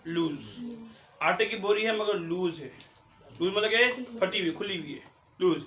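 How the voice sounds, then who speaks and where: A man's voice: sits high, measured pace, pushed and bright. A male teacher explaining physics to a class, mixing English phrases into his talk and repeating questions to the students. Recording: echoey classroom, mic far off. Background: students' voices.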